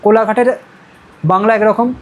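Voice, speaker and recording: A woman's voice: a little high, fairly even intonation, normal speed, rough recording. A woman from Medinipur with a Medinipur Bengali accent, teaching a spoken English class. She explains step by step in a classroom and keeps checking in with her students. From Medinipur, West Bengal. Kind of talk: classroom lesson.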